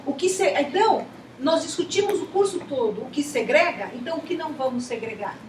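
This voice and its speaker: Brazilian woman teacher, high voice, lecturing, rhetorical questions, echoey room, distant mic. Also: expressive, fairly quick, noisy background. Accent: Brazilian Portuguese. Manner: talkative, repeats rhetorical questions. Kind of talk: lecturing a class.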